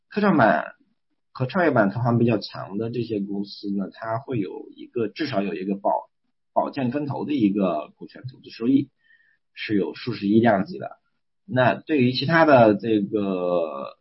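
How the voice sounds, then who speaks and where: A man's voice: fairly low pitch, breathy edge. A man speaks as an analyst giving an investment briefing, often repeating phrases and checking his points. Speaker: securities industry analyst. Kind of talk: semi-scripted investment briefing on a conference call. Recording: dull, lo-fi conference call audio.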